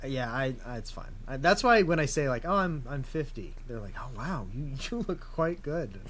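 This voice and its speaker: A man's voice: mid-range voice, expressive, normal speed, a crowd in the background. A man in his thirties from the United States, co-hosting a casual gaming podcast with dry, self-deprecating humor. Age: 30s. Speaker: podcast co-host. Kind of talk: casual chat. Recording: faint background noise.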